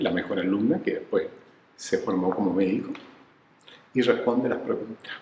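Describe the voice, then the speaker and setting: A man with a mid-range voice tells stories from his research in a reflective interview, animatedly acting out the voices of people he quotes. The audio is poor and reverberant, with a long reverb tail.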